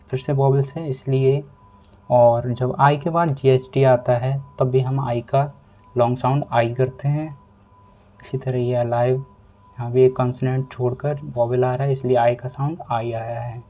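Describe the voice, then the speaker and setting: Guy teaching pronunciation rules, slow and patient, repeats stuff, mellow voice. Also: medium pitch. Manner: slow, repetitive explaining. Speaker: English teacher. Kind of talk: pronunciation lesson.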